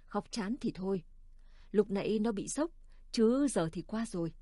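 Woman reading as a calm male village medic. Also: medium pitch, normal speed, dry recording, clean studio sound, close to an everyday voice. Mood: reassuring.

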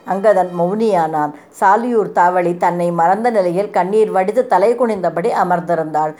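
A woman reading a historical novel aloud in a measured, expressive storytelling voice. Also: on the low side, faint music behind. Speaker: narrator.

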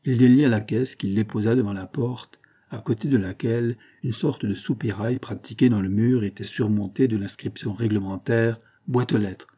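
Male audiobook narrator, husky and dark, measured classic-novel reading. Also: fairly low pitch, fairly even intonation.

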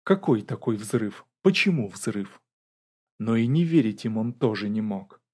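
A man narrating an audiobook in a steady, brisk storytelling manner. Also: lowish voice, slightly rough.

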